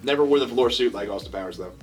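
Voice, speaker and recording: A man's voice: mid-range voice, very fast, faint music behind. A man in his thirties co-hosting a casual podcast, laid-back, swearing freely, crude jokes. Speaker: podcast co-host. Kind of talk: casual chat.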